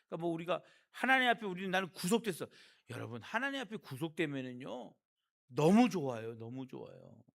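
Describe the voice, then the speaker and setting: A man's voice: fairly high pitch, vocal fry, a bit bright. A male pastor from South Korea giving a sermon, talking with the congregation and asking them rhetorical questions.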